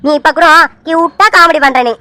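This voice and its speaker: A woman voicing a teasing man who chats on the phone in an animated serial, full of mock fear and pleading. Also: extremely high pitch, brisk, dry recording. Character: man called Surya sir on the phone, teasing. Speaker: cartoon character.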